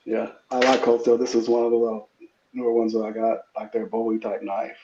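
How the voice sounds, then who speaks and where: A man's voice: medium pitch, monotone, a little fast. A man hosting a casual chat, talking easygoing with many fillers. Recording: roomy, dull, noisy line.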